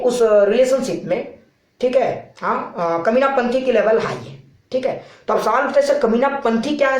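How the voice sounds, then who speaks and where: A man's voice: extremely high pitch, darkish tone. A male physics teacher giving a casual classroom lecture, explaining with playful analogies and often checking that students follow. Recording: very echoey room.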